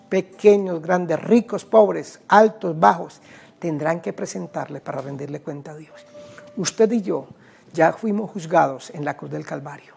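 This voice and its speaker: A man's voice: high voice, gravelly, mellow. A man with a Colombian Spanish accent, preaching an evangelistic sermon emphatically, addressing listeners directly and reading scripture aloud. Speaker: pastor.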